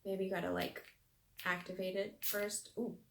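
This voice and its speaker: A woman's voice: medium pitch, level tone, normal speed, a bit bright, a little hiss or hum. A young woman beauty vlogger in a casual product review, chatty and full of fillers, musing aloud to herself.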